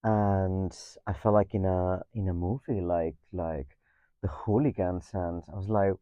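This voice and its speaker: Speaking as a guest in a reflective conversation, a man in his thirties from Mexico talks with a Mexican accent; Spanish is his first language. His deep voice holds a steady tone at a measured pace, recorded with no room sound and the highs cut off. Hesitations, repeated words and a closing "no?" mark his thoughts.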